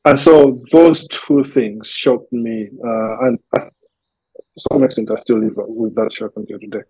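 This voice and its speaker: A man from Malawi, a podcast guest telling his story in an earnest, measured way, often restarting his sentences. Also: medium pitch, warm tone, breathy edge, dry recording, poor audio. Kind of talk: interview conversation.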